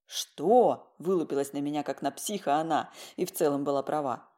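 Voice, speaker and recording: A woman narrating a first-person audiobook in a wry, expressive way. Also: low-pitched, quick pace.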